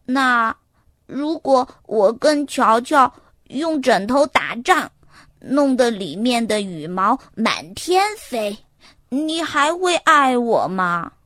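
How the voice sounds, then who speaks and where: A woman's voice: a little high, big pitch swings, slow pace, a bit bright, no echo, clean studio sound, full character voice. Woman doing a hesitant bear cub girl. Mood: eager, pleading. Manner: childlike, hesitant with many "嗯" fillers. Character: little bear cub girl, eager and questioning. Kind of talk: children's story reading.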